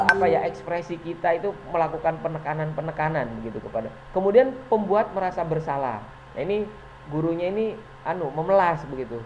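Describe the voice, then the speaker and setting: A man's voice: a little high, a little mellow. A man teacher giving an informal presentation to fellow teachers, chatty and hesitant, full of fillers and little chuckles. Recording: dull lo-fi recording with faint noise.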